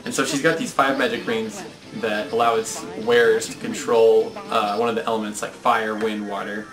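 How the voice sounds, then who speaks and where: Excitable young man reviewing cartoons. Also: fairly low pitch, moderate pace, roomy sound, over music, low-quality recording. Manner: excited, mock-indignant. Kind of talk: comedic review.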